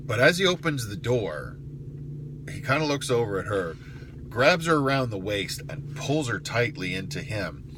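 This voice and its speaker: A middle-aged man with a very low voice talks casually, as if explaining his job to viewers. He is matter-of-fact and emphatic, breaking his sentences into halting pieces. Clear vehicle noise runs behind him. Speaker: private investigator telling of the job. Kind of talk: casual vlog monologue with storytelling. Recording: clear steady car noise.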